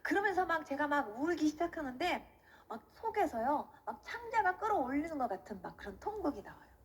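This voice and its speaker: Woman, high and very animated voice, vivid storyteller of her faith testimony, earnest. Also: brisk. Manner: vivid storyteller who acts out the quoted voices; emotional and earnest. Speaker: testimony speaker.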